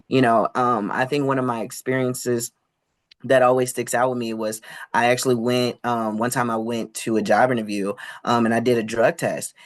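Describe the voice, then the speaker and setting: A woman speaking as a panelist, telling personal stories in an emphatic, animated way with many "you know"s. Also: extremely low pitch.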